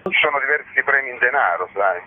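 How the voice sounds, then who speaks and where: A medium-pitched, expressive male voice, a little fast, with slight background noise. He's a festival organiser in a conversational radio interview, speaking frankly and discursively in a matter-of-fact way. The audio is muffled and lo-fi.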